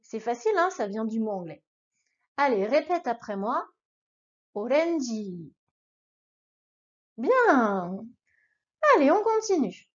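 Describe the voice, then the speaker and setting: Slow, high-voiced woman teaching patiently. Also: very animated, muffled recording. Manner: patient, encouraging, addresses the listener informally. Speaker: Japanese language teacher. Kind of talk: beginner language lesson with repeat-after-me drills.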